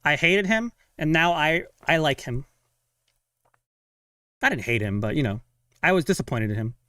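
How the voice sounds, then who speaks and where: A young man talks casually to his live-stream viewers with a lively, animated voice that swings widely in pitch. His pitch sits a little above average for a man. The sound is close and dry, with no room echo. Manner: chatty, self-talking, sighs of frustration and quick laughs. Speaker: fan streamer watching a live game.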